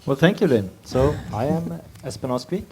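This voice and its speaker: Mellow man introducing himself to an audience. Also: on the high side, expressive, normal speed. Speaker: chief executive, panelist. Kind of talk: self-introduction in front of an audience. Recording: live room with faint noise.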